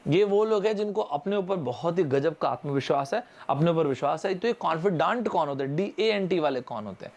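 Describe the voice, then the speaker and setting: A man's voice: a little high, lively intonation, brisk, hardly any pauses, darkish tone. A young man from India teaching vocabulary in a live online exam-prep lesson, chatty and informal, spelling words out letter by letter and asking viewers to answer in the comments.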